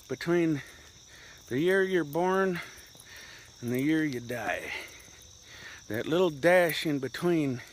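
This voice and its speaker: A middle-aged man with a fairly high-pitched voice vlogs on foot outdoors, rambling and reflecting casually while a bit winded from walking uphill. A little hiss or hum can be heard in the audio.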